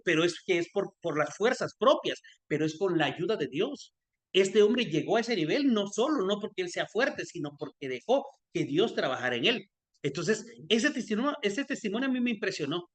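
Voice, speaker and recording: A man with a high-pitched voice talks through a story of forgiveness as he preaches. His delivery is earnest and conversational, and he often stumbles and restarts mid-sentence. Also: fairly bright tone.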